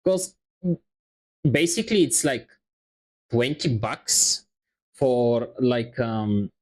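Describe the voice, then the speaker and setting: Male streamer, mid-pitched, rambling and self-deprecating, chatting on a lapel mic. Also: lively intonation, drawn-out words, darkish tone, rough recording. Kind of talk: casual chat on a live stream. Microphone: wireless lapel microphone.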